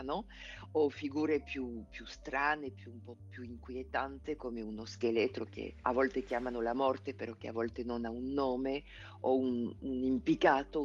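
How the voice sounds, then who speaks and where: A man's voice: medium pitch, breathy edge, dull audio. A native French-speaking man with a French accent, explaining things in an interview in approximate Italian, often searching for words. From France. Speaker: interview guest, tarot expert.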